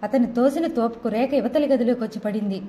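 Higher-voiced woman narrating an audio novel. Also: a little fast, mellow, slight background noise.

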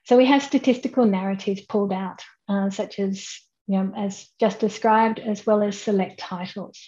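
Woman, thirties, steady explanatory presenter, relaxed voice, lo-fi webcam capture. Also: mid-range voice. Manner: measured, explanatory, with frequent "um"s. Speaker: keynote speaker. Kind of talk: online conference presentation. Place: indoors at home, plain wall behind. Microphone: webcam at desk, head and shoulders framing.

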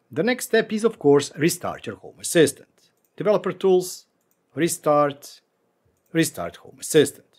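A man's voice: fairly high pitch, a little mellow. A man in his forties hosting a screen-recorded tech tutorial from a home office, talking through steps with wry asides. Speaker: tech channel host.

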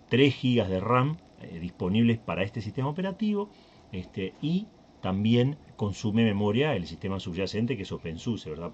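A man's voice: lowish voice, darkish tone, muffled recording, a little hiss or hum. A Uruguayan man hosting a tech channel, talking casually through a screen recording and thinking aloud with many fillers and restarts. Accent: Uruguayan Spanish.

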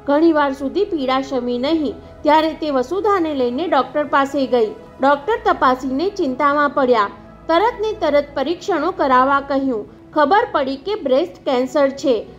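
A woman audiobook narrator reading a novel in a calm, measured way. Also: sits high, highs cut off.

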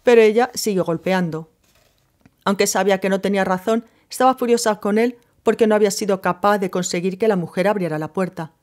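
Woman narrator, measured literary audiobook reading, mid pitch. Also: a little mellow. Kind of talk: scripted novel narration.

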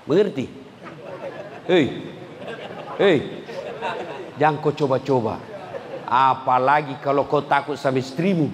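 Animated preacher in a hall. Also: male voice, a little slow, pauses often. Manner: lively, jokey, scolding asides to the crowd, sudden high outbursts. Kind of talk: humorous sermon. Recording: long hall reverb, faint ambience.

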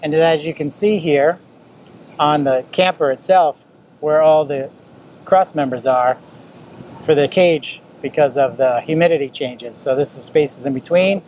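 A man in his fifties presents an informal product tour, explaining features as he moves around. His voice sits a little higher than usual for a man. It is picked up by a camera mic with light ambient noise behind it. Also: a little slow, a little mellow, poor audio. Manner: explanatory, pointing things out while moving around. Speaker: presenter of a camper trailer tour. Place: at an outdoor RV display, in and around a small trailer.

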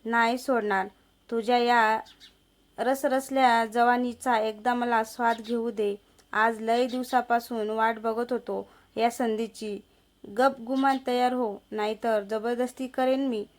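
A woman's voice: a little high, level tone, takes it slowly. A woman doing a menacing moneylender man. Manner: threatening, coaxing. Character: lecherous menacing male village moneylender. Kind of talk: storybook narration.

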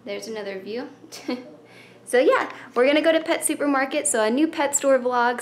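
A woman's voice: on the high side, vocal fry. A young woman hosting a casual pet vlog, chatty and giggly with lots of fillers, filming herself on a handheld camera. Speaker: vlogger host. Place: indoors at home, later a pet store. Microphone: handheld camera at arm's length.

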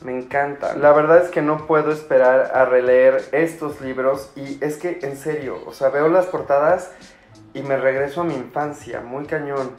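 A man's voice: mid-range voice, steady tone, moderate pace. Chatty Mexican man in a roomy space. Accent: Mexican Spanish. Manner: enthusiastic, nostalgic, chatty. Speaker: book vlogger. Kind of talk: casual unboxing chat to camera. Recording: roomy echo with faint music.

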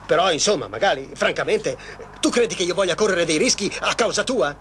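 A bossy hot-tempered middle-aged gangster boyfriend in a dubbed soap, really swingy voice, slight noise. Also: male voice, high voice, animated, brisk, a bit bright. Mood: angry, menacing. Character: domineering, short-tempered middle-aged male lover and crook. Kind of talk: dubbed TV soap opera acting. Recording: old TV soundtrack, noisy room ambience.

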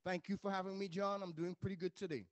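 Relaxed Trinidad-born man, dry sound. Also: high voice, fast, no echo. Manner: relaxed, rambling with restarts. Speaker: interview guest, music producer. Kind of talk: casual interview chat. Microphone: video call.

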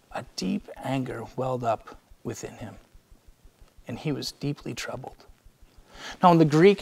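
Young midwestern american guy preaching, gets loud then goes quiet, kinda high voice. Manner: impassioned preaching, swinging between loud and hushed. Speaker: pastor. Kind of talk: sermon.

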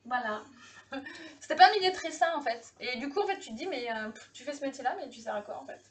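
Chatty high-voiced woman. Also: lively intonation, quick pace. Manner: chatty, laughs often, many fillers and restarts. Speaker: livestream host cooking. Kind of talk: casual live-stream chat with viewers.

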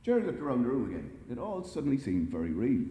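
A man reading a humorous story aloud to a live audience in a wry, lively way, recorded in an echoey library hall. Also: medium pitch, fast talker. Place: library event space.

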